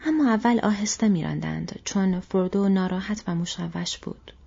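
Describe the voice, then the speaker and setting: A woman reading an audiobook aloud, soft and measured, her voice husky and breathy. The recording sounds dull and lo-fi. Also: mid-range voice. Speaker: audiobook narrator.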